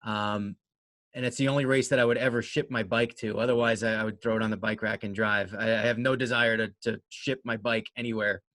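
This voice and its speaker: A man's voice: on the low side, steady tone, brisk, a bit bright, no room sound. A man answering interview questions casually as a guest, in a rambling, self-deprecating way. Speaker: interview guest, amateur runner and race organizer.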